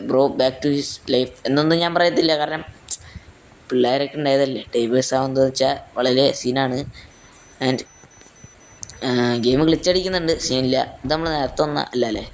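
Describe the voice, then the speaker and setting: A young man giving casual, joking gameplay commentary, mixing in English fillers. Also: mid-range voice. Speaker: gaming YouTuber.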